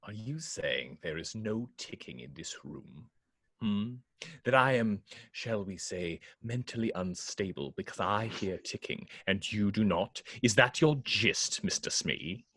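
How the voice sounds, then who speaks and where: A man acting a melodramatic, sulking, unhinged pirate captain in a script table read, theatrically swinging between whispers and shouts. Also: lowish voice, animated, unhurried, slightly rough, no room sound, exaggerated voice. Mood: menacing.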